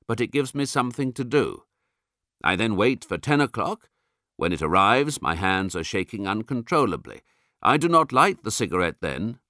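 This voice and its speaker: A man reading aloud as a desperate smoker in his sixties, ill and worn down, telling his story in a low, subdued way with a lot of rise and fall. The recording is dry and close. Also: sharp tone, no echo. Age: 60s.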